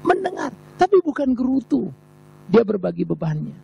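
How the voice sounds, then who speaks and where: Gravelly, animated man preaching. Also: high-pitched, moderate pace, slight background noise. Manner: emphatic, rhetorical repetition. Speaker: pastor. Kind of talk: sermon. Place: church service.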